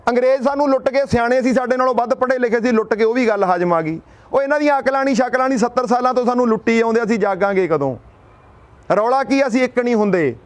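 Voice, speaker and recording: A man's voice: very high-pitched, quick pace. A middle-aged man from Punjab giving an impassioned speech at an outdoor protest, firing rhetorical questions and telling folksy stories. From Punjab, India. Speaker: speaker at a protest sit-in.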